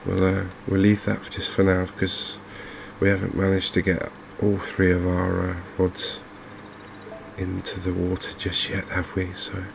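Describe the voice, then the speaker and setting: A low-voiced man from England hosts a gaming video, offering softly spoken ASMR commentary on a game. His delivery is extremely even and gravelly at the edges, unhurried, a little hesitant and gently musing. Faint background noise from open windows and fans can be heard.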